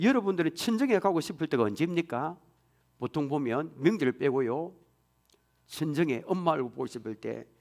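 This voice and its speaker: A pastor preaching a sermon in a church, swinging from hushed whispers to loud exclamations. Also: male voice, on the high side.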